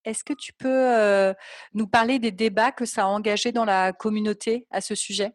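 A woman's voice: medium pitch, fairly even intonation, moderate pace, dry recording, studio quality. A woman interviewing a guest, asking brief and polite questions.

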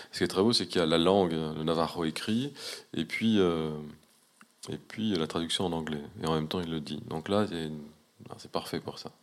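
A man in casual conversation, speaking reflectively with many hesitations and restarts. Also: low-pitched.

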